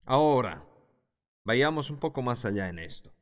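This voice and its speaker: A man's voice: medium pitch, animated, normal speed. Fervent preaching man, long hall reverb. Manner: fervent, builds to loud exclamations. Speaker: Bible institute teacher. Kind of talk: preaching-style Bible class.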